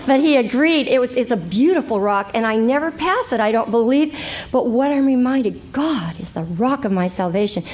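Middle-aged woman, fairly high voice, lively conversational Bible teacher. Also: slight background noise. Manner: animated, exclaiming "ooh" and acting out prayers.

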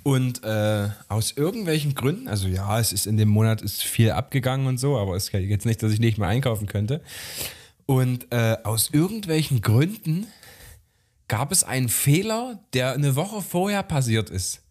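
A young man with a voice of average pitch chats casually on a podcast. He tells an annoying story in a lively way, acts out both sides of the dialogue and swears freely. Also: normal speed. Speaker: podcast co-host.

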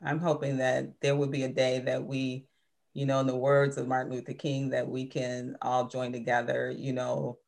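A woman's voice: a bass voice, monotone, normal speed, gravelly, darkish tone. A woman in her sixties, a guest in an interview, speaking earnestly and with emphasis about her organization's work. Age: 60s. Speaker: interview guest, civil rights organization member. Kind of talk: casual interview conversation.

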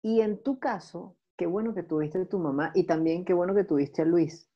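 A man's voice: high voice, normal speed. A man in a casual, heartfelt podcast chat, talking expressively with lots of slang. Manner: expressive, slangy, emotional storyteller. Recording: dull lo-fi recording.

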